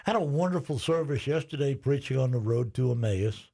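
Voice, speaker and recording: A man's voice: medium pitch, lively intonation, brisk, gravelly, dark tone, breathy edge. A man, a pastor co-hosting a talk show, speaking in a folksy, preacherly way with light humor. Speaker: pastor and co-host. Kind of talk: casual chat.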